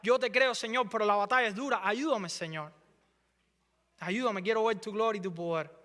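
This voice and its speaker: High-voiced impassioned preacher in echoing hall. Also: male voice, normal speed. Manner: impassioned preaching, rising to near shouting at climaxes. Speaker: pastor. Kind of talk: sermon. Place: church sanctuary. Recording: live church hall with reverb and soft music.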